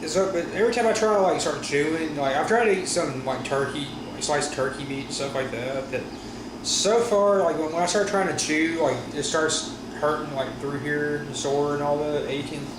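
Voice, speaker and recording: A man talking casually in a personal vlog after wisdom teeth surgery, with a sore stiff jaw, halting and often correcting himself. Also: on the high side. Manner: halting, rambling, frequent self-corrections. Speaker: vlogger. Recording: roomy echo with steady room noise.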